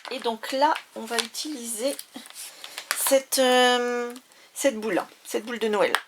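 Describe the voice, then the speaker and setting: A woman from France walks viewers through a papercraft technique in a relaxed, hesitant way, full of fillers and restarts. Her voice sits on the high side. A faint noise hangs under the recording. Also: slow pace. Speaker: papercraft demonstrator. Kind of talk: casual craft tutorial.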